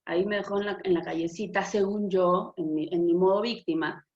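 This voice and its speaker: A woman's voice: fairly low pitch, a little fast. Frank Mexican woman, echoey room. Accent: Mexican Spanish. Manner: frank, expressive, swears freely. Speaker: spiritual channel host. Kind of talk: casual spiritual talk. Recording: echoey room, dull lo-fi sound.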